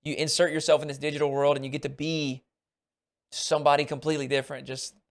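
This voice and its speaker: American man, podcast host, higher-pitched, reflective conversational tone. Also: flat delivery, fast. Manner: thoughtful, reflective musing. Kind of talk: casual podcast chat.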